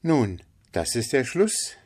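A man voicing a calm male linnet bird in a storybook reading, mild and composed. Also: medium pitch, slow, breathy edge, voice pushed up, full character voice.

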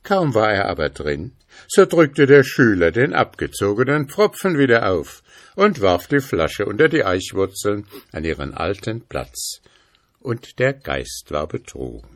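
A man reading an old fairy tale aloud in an expressive storytelling manner. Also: fairly low pitch, a little slow, no room sound, studio quality.

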